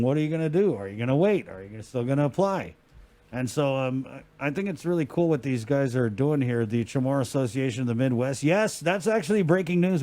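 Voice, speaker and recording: A man's voice: a little high, a little mellow. A middle-aged man hosts an interview in casual, informal, joking chat. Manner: informal and bantering. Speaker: talk show host.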